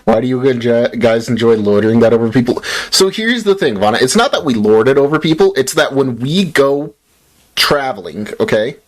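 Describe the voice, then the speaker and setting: A man's voice: medium pitch, lively intonation, a little fast. A young American man from Utah chatting casually with his viewers while playing, rambling and playful, tired after a long work shift. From Utah, United States. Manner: rambling, playful, self-deprecating, talks to chat. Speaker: streamer. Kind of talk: casual live-stream chat while playing.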